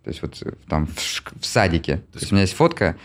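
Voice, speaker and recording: A man in his forties from Russia, an interview guest who answers reflectively with many pauses and filler sounds. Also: low voice, sing-song. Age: 40s. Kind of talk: casual conversation.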